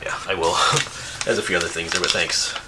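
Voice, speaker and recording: Here an outdoors YouTuber, low-pitched and talking at normal speed, opens viewer mail at home on camera. He's sniffly with a cold, rambles casually and laughs often, while the camera mic captures heavy background noise.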